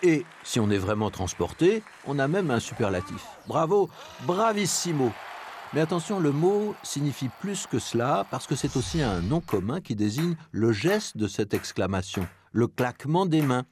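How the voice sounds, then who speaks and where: A man giving scripted commentary on the origins of a word, with expressive explanatory delivery. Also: mid-range voice, normal speed, few pauses, a little hiss or hum. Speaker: language columnist.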